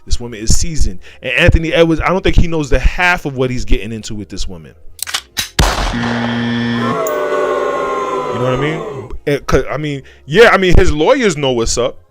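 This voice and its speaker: A man's voice: mid-range voice, expressive, moderate pace, long pauses, heavy background noise. An American man gives casual, opinionated commentary as a show host. His talk is slangy, and he circles back to repeat phrases until they land.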